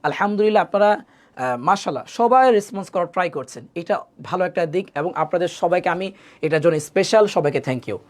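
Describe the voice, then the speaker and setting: A man leads a live online Quran reading class. He sounds out each letter and vowel mark slowly, with a lively, swooping pitch, then blends them into words. Between drills he praises and thanks his students by name. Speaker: Quran recitation teacher.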